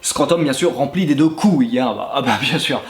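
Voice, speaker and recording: This former gym coach turned YouTuber has a medium-pitched voice and talks a little fast while sharing vulgar comic anecdotes with his audience. Lively and often laughing, he's recorded in an echoey space with quiet music behind him.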